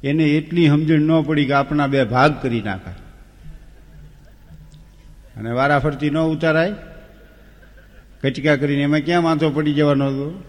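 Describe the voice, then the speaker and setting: A man's voice: a little high, steady tone, unhurried, long pauses. A man telling folk comedy stories on stage, with a rustic, anecdotal delivery. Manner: rustic anecdotal delivery, acting out characters' lines. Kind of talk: stage humorous storytelling. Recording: long hall reverb.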